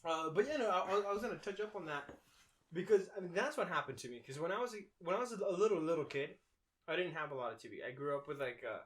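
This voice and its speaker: A man's voice: fairly high pitch, expressive, fast, a bit bright. A young man from Mexico co-hosting a podcast in a laid-back, casual chat, swearing and laughing easily. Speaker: podcast co-host.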